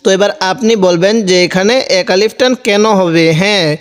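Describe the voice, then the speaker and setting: A man teaching Quran recitation, spelling out each word slowly and repeating the rules patiently step by step. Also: high-pitched, long reverb tail. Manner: slow, repetitive, patient step-by-step drilling.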